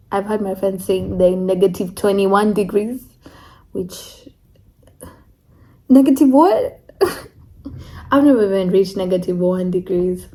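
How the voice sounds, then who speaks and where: Young woman, international student vlogger; mellow, mid-pitched voice, frank and chatty delivery. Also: rough recording. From Kenya. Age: young adult. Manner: candid, chatty, fills with "like" and "you know". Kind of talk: casual vlog chat.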